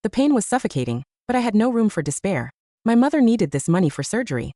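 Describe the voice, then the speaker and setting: A woman narrating a first-person romance audiobook story in an expressive storytelling manner. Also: medium pitch, fast, no room sound, clean studio sound.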